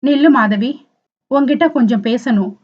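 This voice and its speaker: A woman's voice: on the high side, moderate pace, darkish tone, dull audio, natural voice. A woman reading the lines of a young man in love who pleads earnestly and tearfully.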